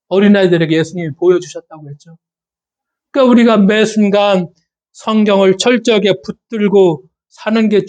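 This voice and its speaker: A man with a notably high-pitched voice delivers a Sunday sermon as pastor. He talks in a loose, conversational way, asks his listeners questions and circles back to repeat key words for emphasis. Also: darkish tone.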